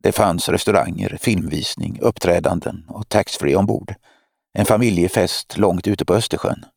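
Male audiobook narrator, very deep, gravelly, measured, dry close sound. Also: dry recording. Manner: measured, steady. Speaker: audiobook reader. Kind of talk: scripted narration.

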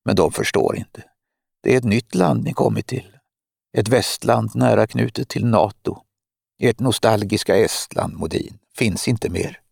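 Audiobook villainess, cold, mocking spymaster woman, read by a man, gravelly, close and dry. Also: fairly low pitch, darkish tone, no echo, exaggerated voice. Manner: mocking, lecturing, menacing. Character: cold scheming woman spymaster, middle-aged.

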